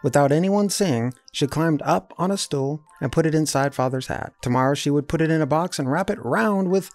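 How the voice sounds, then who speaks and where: Brief: male storyteller, expressive kids' read-aloud, gravelly. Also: a little high, brisk, soft background music. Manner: lively, expressive reading.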